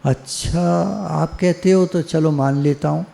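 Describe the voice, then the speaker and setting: Guy putting on a whiny drunk who falls for anything, higher voice, soft mellow tone. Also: steady tone, a little slow, gravelly. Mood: puzzled. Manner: whiny, wailing, easily fooled. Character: gullible drunk opium-addicted man.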